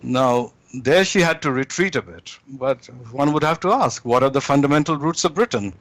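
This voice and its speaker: A man speaking as an interview guest, holding forth in a measured, deliberate lecturing way, often pausing on fillers. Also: mid-range voice, expressive, a bit bright. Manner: measured, deliberate, with frequent hesitations. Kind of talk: lecturing commentary.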